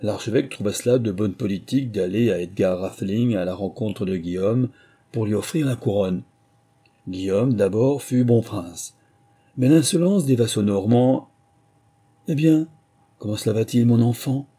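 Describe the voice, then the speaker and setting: A man's voice: on the low side, normal speed, warm tone, slightly rough. A man voicing a fussy, self-important male mouse who lectures the others pompously.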